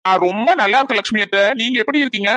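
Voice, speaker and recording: A woman's voice: medium pitch, very fast, very noisy, lightly acted. A woman voicing a cheerful young man in a cartoon who has come home from abroad and reassures his mother.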